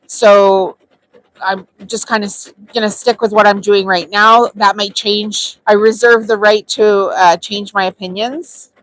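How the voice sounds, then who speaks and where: Woman, mid-pitched, casual live crafting-tutorial host, easygoing and chatty with filler ums. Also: a little slow, dry recording, poor audio. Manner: chatty, relaxed, frequent ums. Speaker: sewing channel host.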